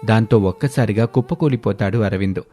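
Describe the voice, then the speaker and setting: A man narrating a scripted animated moral story in a steady, dramatic way. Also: lowish voice, fairly quick, over music.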